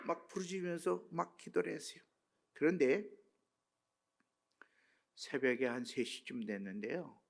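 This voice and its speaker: An older man, a pastor, preaching a sermon with a personal testimony, telling it with feeling and moving between hushed tones and shouts. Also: on the high side, expressive, unhurried, gravelly, long pauses. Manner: emotional storytelling, swinging between hushed and shouting.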